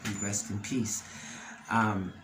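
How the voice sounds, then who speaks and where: A man's voice: on the low side, level tone, slow pace, a bit bright. A man from Delaware hosting a show, giving an impassioned monologue with emphatic, preacher-like rises and repeated phrases. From Delaware, USA. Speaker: host. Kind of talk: passionate monologue. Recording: roomy echo, faint ambient noise.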